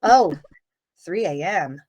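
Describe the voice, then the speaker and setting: A woman's voice: fairly low pitch, animated, extremely slow, darkish tone. A middle-aged woman from Tennessee, a voice actress as guest, talking in a rambling, open, chatty way during a casual interview. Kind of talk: casual interview over a video call.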